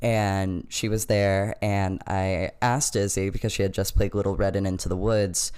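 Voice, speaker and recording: A young man, a playwright and actor, talking at length in a casual interview, animated as he explains. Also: sits low, moderate pace, smooth.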